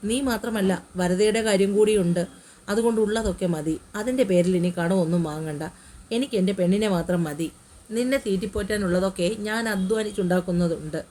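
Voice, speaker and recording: A woman's voice: mid-range voice, brisk, mellow, a little hiss or hum, natural voice. Young man, playful and loving in tone; woman narrator voicing him.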